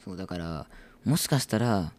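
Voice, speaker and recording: Young guy w/ chatting quick, low voice jumping all over. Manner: rambling, restarts, animated bursts. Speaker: podcast co-host. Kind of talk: casual chat in Japanese.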